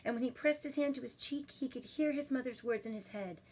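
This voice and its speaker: Higher-pitched, slightly husky woman reading aloud. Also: a little fast, darkish tone, low-quality recording. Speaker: teacher reading a bedtime story. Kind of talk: expressive children's read-aloud with questions.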